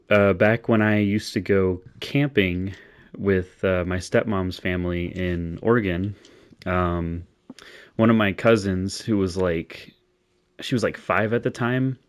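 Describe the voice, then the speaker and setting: A young man hosting a casual podcast, chatting loosely with lots of fillers and laughter. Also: deep voice. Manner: laughs often, many fillers. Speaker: podcast host. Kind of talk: casual chat.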